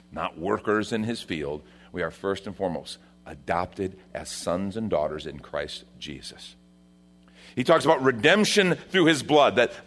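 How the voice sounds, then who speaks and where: Pastor preaching at a pulpit microphone. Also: male voice, a bit bright. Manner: conversational preaching, rising with emphasis then dropping low. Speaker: senior pastor. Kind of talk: sermon.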